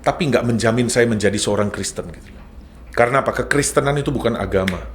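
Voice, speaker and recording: A man's voice: medium pitch, fast, a little hiss or hum. Earnest man giving a heartfelt testimony. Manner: earnest, heartfelt, sprinkles in English words. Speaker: guest sharing a conversion testimony. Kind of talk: emotional personal testimony.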